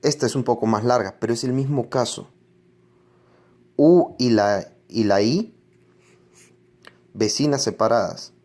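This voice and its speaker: A man's voice: mid-range voice, unhurried, long pauses, darkish tone. A man teaching English pronunciation in a classroom-style lesson, explaining patiently and repeating each example word several times.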